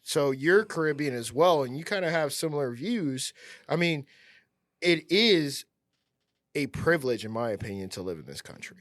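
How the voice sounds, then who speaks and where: A man from Tampa, Florida co-hosts a podcast. His voice sits slightly high and he chats loosely, swearing easily. The sound is close and dry. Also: animated, moderate pace, a bit bright, no room sound. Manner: laid-back, profane, chatty. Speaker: podcast co-host. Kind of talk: casual chat.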